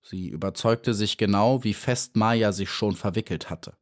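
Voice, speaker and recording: A man with a lowish voice reads a storybook aloud as an audiobook. His scripted narration is calm and measured, and he tells the story at an even pace.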